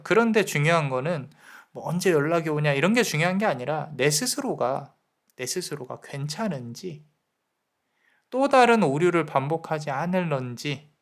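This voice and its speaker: A man with a fairly high voice gives a tarot reading for viewers. He talks in a gentle, counseling way and addresses the listener warmly and directly. Now and then he slips briefly into the voices of people's inner thoughts. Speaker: tarot reader.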